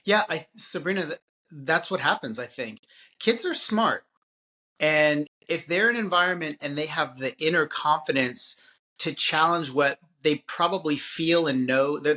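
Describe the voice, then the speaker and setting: A man's voice: fairly high pitch, moderate pace, pushed and bright. A middle-aged man co-hosting a podcast, talking in a thoughtful, hesitant way with many restarts. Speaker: podcast co-host. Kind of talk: casual chat.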